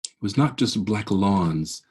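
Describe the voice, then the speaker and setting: A man in his forties speaks in a low, slightly husky voice, delivering a heartfelt motivational keynote. He talks with a preacher's earnest cadence and often restarts his phrases. He is heard over a video call. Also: expressive, slow, darkish tone.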